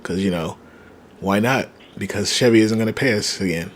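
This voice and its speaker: A man's voice: lowish voice, normal speed. A man co-hosting a podcast in casual chat, teasing his partner and sticking up for his own opinions. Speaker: podcast co-host.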